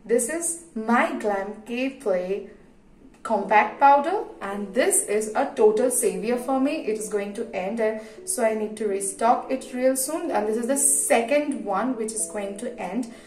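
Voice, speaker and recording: A woman's voice: on the high side, unhurried, darkish tone. A woman in her twenties with an Indian accent chats casually as a vlogger, often repeating words for emphasis. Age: 20s. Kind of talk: casual chatty vlog talk. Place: hotel room and small tiled hotel bathroom. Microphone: phone propped a short distance away. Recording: echoey tiled bathroom, distant phone mic.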